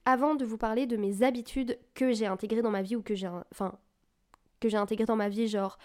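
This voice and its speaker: A woman's voice: fairly high pitch, a little mellow. A young woman hosting her own podcast from home into a desk mic, chatting casually and encouragingly, with loose phrasing and plenty of fillers. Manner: chatty, loose, with many fillers and English buzzwords; self-described anxious, encouraging tone. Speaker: podcast host. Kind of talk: casual solo podcast chat. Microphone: desk mic on a boom arm.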